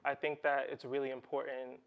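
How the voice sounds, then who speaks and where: A man hosts a casual interview in a medium-pitched voice. His delivery is conversational and earnest, with an encouraging way of putting questions and reflections. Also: level tone, moderate pace, phone-quality sound. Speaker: host of an interview show.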